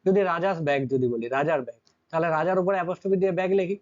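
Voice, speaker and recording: A man's voice: sits high, racing, muffled recording. A man teaching an English grammar lesson, constantly checking with his students through short questions.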